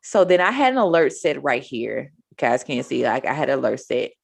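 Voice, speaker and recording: Casting note: low-pitched woman in her thirties, chatty lesson host who keeps checking in with the viewer. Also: very animated, fairly quick, vocal fry, slightly rough. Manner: chatty, repeats "right?" to the viewer. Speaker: trading educator. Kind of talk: casual screen-share trading lesson.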